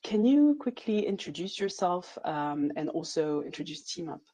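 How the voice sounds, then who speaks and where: 嗓音很低的女主持人. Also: female voice, lowish voice, sing-song, normal speed, mellow, low-quality recording. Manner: friendly, asks short questions. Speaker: podcast host. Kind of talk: interview host.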